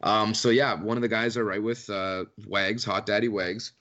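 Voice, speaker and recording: A man's voice: fairly low pitch, steady tone, normal speed, fairly bright tone, muffled recording. A young man from Canada, a podcast guest, talking loosely and rambling with lots of "like" in casual chat. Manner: loose, rambling, heavy use of "like".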